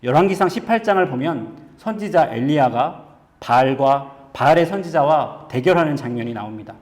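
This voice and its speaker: A man's voice: on the high side, expressive, normal speed, a little mellow. Earnest male pastor preaching in a hall. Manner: earnest storytelling, conversational preaching. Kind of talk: sermon.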